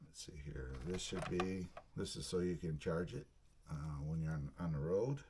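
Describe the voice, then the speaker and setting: This video channel host, a man, talks in a folksy, plainspoken manner as he handles things during a relaxed unboxing vlog. He has a deep, darkish voice at normal speed, and the audio is clearly noisy and full of clicks.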